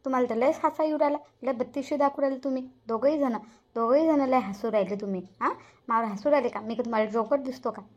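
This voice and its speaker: A woman's voice: high voice, fast talker, dull audio. A woman voicing a touchy elderly village woman in a cartoon, indignant and scolding. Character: touchy elderly village woman Shantabai, proud of her dress. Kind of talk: cartoon voice acting.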